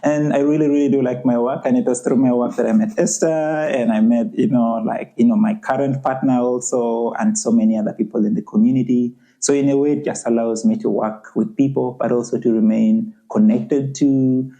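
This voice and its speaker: A young adult man with a Ugandan accent speaks earnestly as a podcast guest in a conversational interview, often saying "you know." His medium-pitched, dark voice stays steady, moving a little fast with few pauses.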